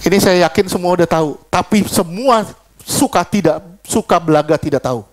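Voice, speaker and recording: A man's voice: sits high, brisk. A middle-aged man preaching an informal deliverance sermon. He tells stories and keeps firing questions at his congregation. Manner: animated, fires rhetorical questions at the congregation; switches between preaching and storytelling.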